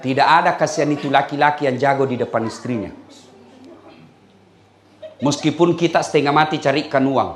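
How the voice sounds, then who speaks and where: A man's voice: medium pitch, moderate pace, pauses often, a faint crowd. A male Islamic preacher with a Makassar Indonesian accent giving a humorous sermon, joking and putting tag questions to his audience. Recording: roomy echo.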